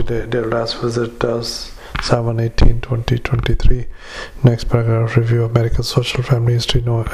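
A male doctor dictating notes into a dictaphone at a retirement community, halting with frequent fillers and reading punctuation aloud. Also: mid-range voice, a little mellow, husky, rough recording. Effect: dictaphone recording. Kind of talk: medical dictation.

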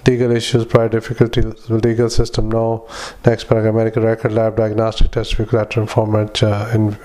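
A man doing medical dictation in halting, clipped fragments, speaking punctuation aloud as a clinician recording patient notes. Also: fairly low pitch, completely flat delivery, warm tone. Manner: halting, fragmented clipped phrases with frequent long hesitations.

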